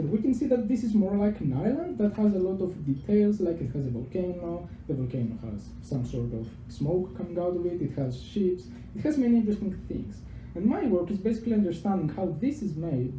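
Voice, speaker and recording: Speaking into a handheld mic in a pub, a young man from Greece delivers a casual science talk to a live audience in his Greek accent, filling it with fillers, repeated words and self-deprecating chatter. His voice sits high with a dark tone. There is a little hiss or hum, and the echoey venue carries faint ambience.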